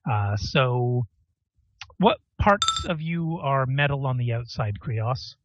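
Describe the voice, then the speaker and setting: A man running a tabletop game as game master, explaining rules and pausing to look them up. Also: mid-range voice, highs cut off. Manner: explains rules while looking them up, many pauses.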